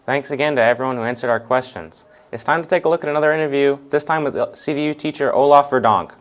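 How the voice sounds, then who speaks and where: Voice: medium pitch, quick pace, faint music behind. A teenage student anchor presenting links on a school news show. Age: teens. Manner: upbeat scripted links.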